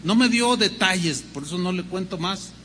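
A man's voice: high-pitched, expressive, moderate pace, fairly bright tone, long reverb tail, a little hiss or hum. An older man preaching a sermon as pastor, telling a story with acted-out dialogue and rhythmic lists of words.

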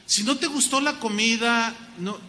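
High, bright Mexican preacher in a hall. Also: male voice, measured pace. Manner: lively, folksy, joking, acts out little scenes. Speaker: pastor. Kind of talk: sermon. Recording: long hall reverb.

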